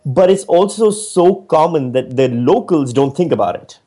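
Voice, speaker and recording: A Pakistani author and stand-up comedian talks through his ideas in a casual interview, reflective and animated, often restarting his sentences. His voice is on the high side and husky, at a normal speed.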